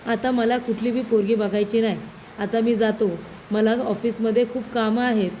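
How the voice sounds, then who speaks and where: A woman's voice: a little high, level tone, moderate pace, warm tone, a little hiss or hum, close to an everyday voice, rough recording. A woman reading out the lines of an impatient, scolding middle-aged family man. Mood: irritated. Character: bossy middle-aged male household head.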